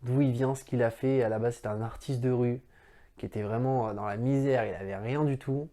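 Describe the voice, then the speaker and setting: Man, warm low-key tone, casual to-camera Q&A host, chatty. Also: steady tone, brisk. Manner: friendly, talks straight to the viewer as tu; chatty, rambling asides. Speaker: YouTuber answering viewer questions.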